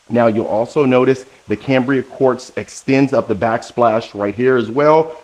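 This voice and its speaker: Here a man with a medium-pitched, slightly mellow voice gives a walkthrough tour of a new model home, moving room to room with a handheld camera. His narration is enthusiastic and salesy, spoken straight to the viewer.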